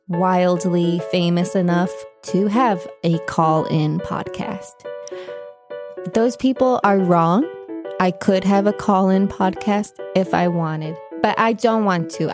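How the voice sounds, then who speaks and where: A woman hosting a podcast in a casual chat, with a wry, playful, deadpan humor. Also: mid-range voice. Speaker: podcast host.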